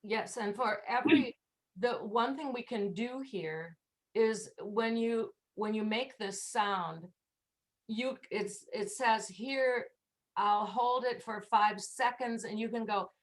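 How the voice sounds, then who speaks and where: A woman's voice: a little high, slow pace. A woman teaching English pronunciation in an online class, patiently demonstrating sounds. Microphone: video call.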